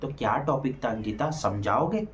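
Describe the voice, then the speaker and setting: A man talks through a reality show episode in a lively, conversational way. He fires off rhetorical questions and leans on the same little filler again and again. A faint hiss of background noise sits under his mid-pitched voice. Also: normal speed. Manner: animated, acts out quoted lines in raised voice. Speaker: show reviewer. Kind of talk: casual spoken episode review.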